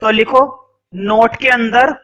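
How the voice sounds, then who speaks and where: A male teacher with an Indian accent, his voice sitting very high and sounding bright and sharp. He lectures in a question-and-answer rhythm, answering his own questions. He slows right down to dictate notes word by word. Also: fairly even intonation. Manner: asks questions and answers them himself.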